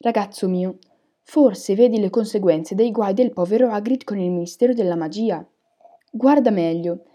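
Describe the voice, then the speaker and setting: A woman's voice: medium pitch, moderate pace, close to an everyday voice. Woman doing a misty, theatrical seer teacher. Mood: sweet, coaxing. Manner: sweet and hushed, turning harsh and loud in trance. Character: eccentric female divination teacher, misty, theatrical.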